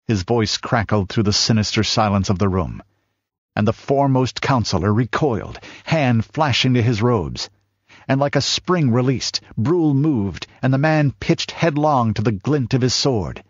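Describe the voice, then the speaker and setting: A man reading a dark fantasy tale as audiobook narrator, measured and dramatic, rising as the battle scenes build. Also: mid-range voice, lively intonation, breathy edge, no room sound. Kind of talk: scripted narration. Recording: dull lo-fi audiobook recording.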